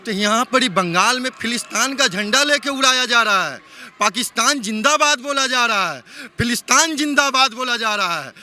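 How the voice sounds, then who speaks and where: A man from West Bengal, India speaks up high and sharp in a street interview, firing off heated rhetorical questions. His voice is very bright and cutting, with a faint hum of noise around him outdoors.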